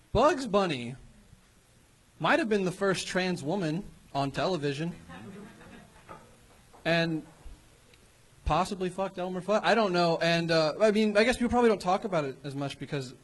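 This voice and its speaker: A man doing a short, rambling stand-up set in a comedy club, then chatting with the hosts. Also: high voice. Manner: rambling, halting delivery. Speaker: open-mic comedian.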